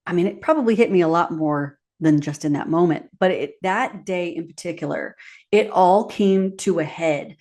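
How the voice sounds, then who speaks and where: Podcast host, woman, slightly low voice, animated storyteller who laughs often. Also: normal speed. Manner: animated, laughing storyteller who acts out her own quotes. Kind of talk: personal storytelling monologue.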